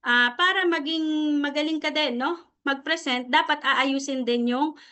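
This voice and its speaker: A woman's voice: high-pitched, a little slow, bright, forceful tone. A middle-aged Filipino woman leading a presentation-skills seminar, mixing Tagalog and English and checking in with her listeners after nearly every phrase. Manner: Taglish, switching freely between Tagalog and English. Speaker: trainer teaching presentation skills. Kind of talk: seminar lecture to a sales team.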